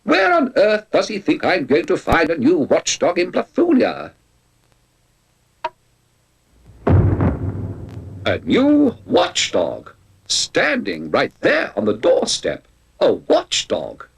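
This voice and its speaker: A man's voice: high voice, huge pitch swings, a little slow, vocal fry, husky, full character voice, rough recording. A man voicing a polite, long-suffering male robot butler who talks in a formal, dry way and calls his master sir. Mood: grumbling.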